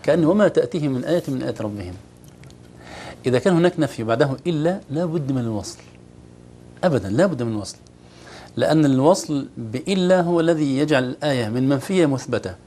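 A man explains Quran recitation at a quick clip, stopping to recite verses slowly. The recording carries a faint low rumble. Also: expressive, warm tone. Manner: demonstrates recitation, then explains pronunciation. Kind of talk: teaching Quran recitation on a TV program.

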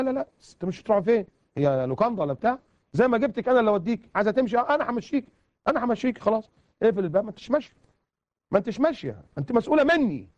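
Egyptian guy preaching super fast, kinda high voice, keeps repeating stuff for emphasis, dull dry lo-fi audio. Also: darkish tone, dry recording. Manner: emphatic, repeats words for stress. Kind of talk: colloquial sermon.

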